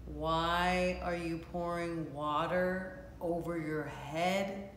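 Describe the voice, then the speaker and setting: A woman's voice: lowish voice, fairly even intonation, extremely slow, a little hiss or hum. A woman voicing a friendly, curious frog in a children's storybook, speaking expressively. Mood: puzzled. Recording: echoey room.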